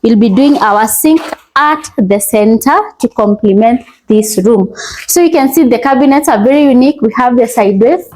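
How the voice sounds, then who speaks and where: A woman with a Kenyan accent presents an informal house tour in a fairly high voice. She speaks approvingly as she shows off one feature after another, in the unscripted style of a property walkthrough. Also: normal speed, darkish tone. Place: indoors in an unfinished house.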